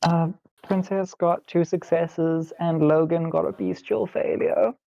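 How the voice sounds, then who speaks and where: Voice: mid-range voice, fairly even intonation, creaky, mellow, highs cut off. A player in a tabletop role-playing game, talking casually and hesitantly about rolls and actions. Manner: slow, hesitant with fillers.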